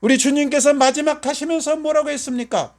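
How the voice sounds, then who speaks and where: High-voiced older man preaching. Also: fairly even intonation, brisk. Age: 70s. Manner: emphatic preaching with rhetorical questions; folksy storytelling. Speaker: pastor. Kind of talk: sermon.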